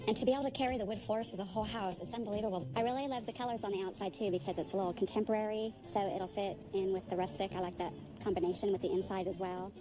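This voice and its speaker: A woman touring the house she just bought, gushing excitedly about it. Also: medium pitch, very fast, few pauses, over music. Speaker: home buyer. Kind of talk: casual chat.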